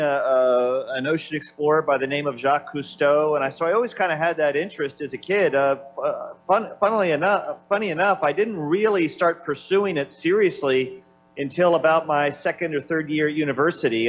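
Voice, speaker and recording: A man answering questions as an astronaut over a radio downlink, unscripted and searching for his words. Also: fairly high pitch. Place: aboard a space station. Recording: slightly dull downlink with faint hum.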